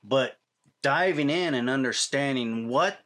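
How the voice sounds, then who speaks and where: A male interview host who talks slowly and deliberately. He draws out his phrases and pauses on fillers as he muses over what his guest has said. His voice sits at a middle pitch. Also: a bit bright. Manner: slow, musing, drawn-out phrasing with fillers. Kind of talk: interview conversation.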